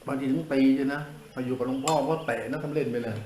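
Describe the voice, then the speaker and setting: Blunt scolding older monk, echoey room. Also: male voice, mid-range voice, fairly even intonation, fast talker, a little mellow, a little hiss or hum. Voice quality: coarse, scolding, laughs at his own jokes. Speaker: monk giving a sermon. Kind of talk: blunt informal sermon.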